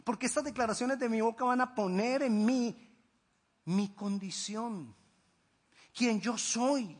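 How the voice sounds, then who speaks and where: A man preaching a sermon as a pastor, emphatic, swinging between loud declarations and hushed asides. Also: very high-pitched, slow pace.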